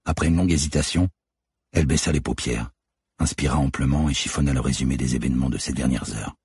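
A man narrates the audiobook in a measured, somber way, his voice extremely deep and heavily breathy. The sound is dry and close, with no room around it. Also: a little mellow, dry recording. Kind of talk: scripted narration.

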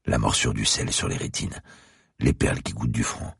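A man narrating an audiobook in the first person, slow and brooding, his voice rising sharply when his character speaks. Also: fairly even intonation, a bit bright, dry recording, studio quality. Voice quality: gravelly, husky, very deep. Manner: slow, brooding delivery, rises sharply in his spoken lines.

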